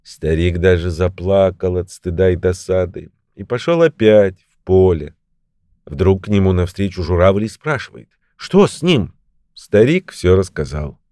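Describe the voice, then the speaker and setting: A man reading a fairy tale aloud in an expressive storytelling way. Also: low-pitched, normal speed, dry recording, clean studio sound.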